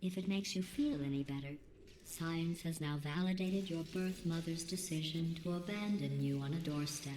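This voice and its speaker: Brief: low, dry, passive-aggressive machine overseer, robotic filter, echoey game mix with a hum underneath. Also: female voice, moderate pace. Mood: deadpan sarcasm. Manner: deadpan, passive-aggressive, insulting in a calm even tone. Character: cold sarcastic female computer overseer of a test lab. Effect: robotic processed voice. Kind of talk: video game dialogue.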